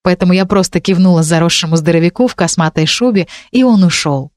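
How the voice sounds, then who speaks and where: A woman narrating an audiobook in a measured, expressive way. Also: lowish voice, dry recording, studio quality.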